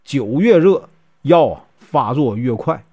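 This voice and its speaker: A man's voice: medium pitch, animated, slow pace, a little mellow. A man voicing a scheming female innkeeper who drugs her guests, in a sly, mocking manner.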